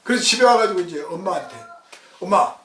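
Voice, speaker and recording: A male pastor delivers a sermon with lively, swooping pitch, breaking into little acted-out conversations as he tells his story. He is recorded from some distance in an echoey church hall, with a faint hiss underneath. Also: moderate pace. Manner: animated storytelling, acts out dialogue.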